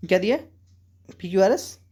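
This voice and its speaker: A man with an Indian accent teaching an exam-prep English lesson, reading English sentences out slowly and often checking with students. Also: high voice, lively intonation, a little mellow, husky.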